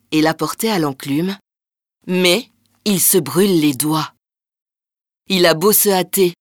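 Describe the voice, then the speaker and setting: A woman narrating a folk tale in a lively, rhythmic storytelling manner. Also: on the low side, no echo, clean studio sound.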